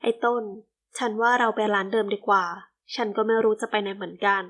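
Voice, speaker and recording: A woman's voice: mid-range voice, steady tone, fairly quick, fairly bright tone, lightly acted. A woman reading the part of a teasing, easygoing young playboy in an audiobook.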